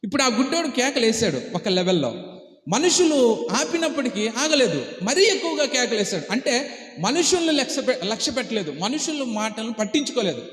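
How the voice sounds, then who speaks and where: Lively high-voiced preacher in an echoey hall. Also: male voice, brisk. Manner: rhetorical questions, urges congregation to answer aloud. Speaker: pastor. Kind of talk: Telugu sermon on fasting prayer. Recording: echoey church hall reverb.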